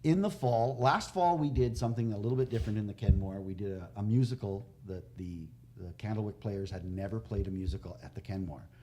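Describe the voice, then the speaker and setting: A middle-aged man chats casually on a podcast in a lowish voice, spinning loose, rambling stories that drift and restart. He chuckles at his own asides. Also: fairly quick, hardly any pauses, dark tone, slight background noise. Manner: rambling anecdotal storytelling, trailing off and chuckling. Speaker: podcast guest, community theatre director and actor.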